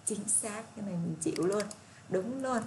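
A woman tutor reading a first-grade math workbook aloud to children, slow and patient, asking them encouraging questions. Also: medium pitch, animated, darkish tone, a little hiss or hum. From Vietnam. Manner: slow, patient, reads problems aloud deliberately.

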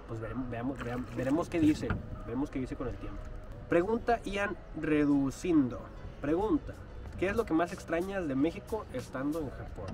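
A man's voice: fairly high pitch, recorded from a distance. A young man in his twenties with a Mexican accent, chatting casually and slangily to camera while sitting in a rowboat on a lake. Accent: Mexican Spanish. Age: 20s. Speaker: vlogger. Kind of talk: casual vlog chat. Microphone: action camera at arm's length.

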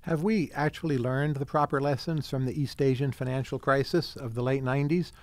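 A man hosting a podcast interview, asking brisk, direct questions. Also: medium pitch, steady tone, no room sound. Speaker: podcast host.

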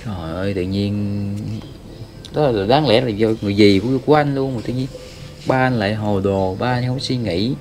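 Low-voiced man, earnest. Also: normal speed, a little hiss or hum. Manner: earnest, gently persuading. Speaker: ghost-hunting vlog host. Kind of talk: talking to a spirit.

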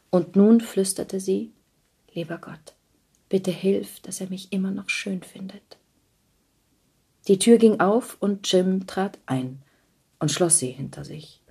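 An actress narrating a story aloud in an intimate, expressive style, letting the ends of sentences fall soft. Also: female voice, on the low side, slightly rough. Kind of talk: audiobook narration.

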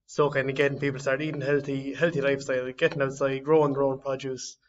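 A young man presents his design project, often pausing and restarting as he searches for words. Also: mid-range voice, flat delivery, slight background noise. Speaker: design student. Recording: slightly distant, dull lo-fi audio.

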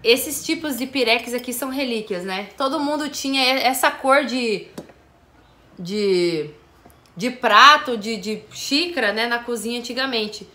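Casual home vlogger, a woman with a slightly high voice, talking to camera in a roomy-sounding basement kitchen. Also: a little slow, bright, forceful tone. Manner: chatty, frequent "gente" and "né" asides.

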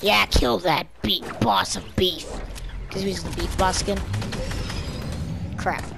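A woman's voice: fairly low pitch, takes it slowly, gravelly, heavy background noise. A woman giving casual, goofy commentary while playing a video game, exclaiming often. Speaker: gamer streaming her play. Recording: game gunfire over the voice. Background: video game gunfire and clicks.

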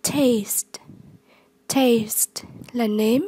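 Slow, breathy woman tutor, high voice. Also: fairly even intonation, warm tone, no echo. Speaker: English tutor. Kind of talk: vocabulary lesson.

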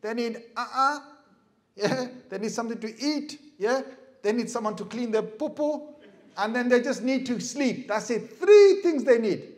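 A middle-aged man giving a lively sermon as an Islamic preacher, asking the audience questions and acting out crying babies. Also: very high-pitched, moderate pace. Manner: animated, asks the crowd questions, mimics crying babies.

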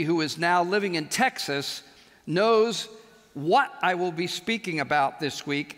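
A high-voiced older man preaches a chapel sermon from a big auditorium stage, speaking into a headset mic. He is animated and leans on slow, emphatic pauses. His voice rings out with a long hall reverb.

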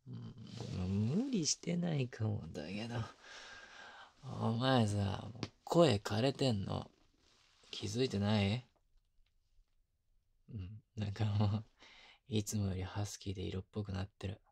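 A man playing an adoring, teasing young boyfriend in ASMR role-play pillow talk, murmuring casually and intimately with a husky, breathy voice into a close binaural microphone. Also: fairly low pitch, measured pace, pauses often, darkish tone, no room sound, full character voice. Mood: tender teasing.

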